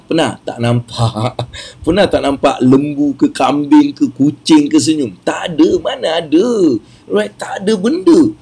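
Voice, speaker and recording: A man's voice: a little high, a little mellow, breathy edge. A Malaysian man with a Malaysian Malay accent giving a playful motivational talk, often asking the listeners questions and laughing at his own jokes. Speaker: motivational speaker.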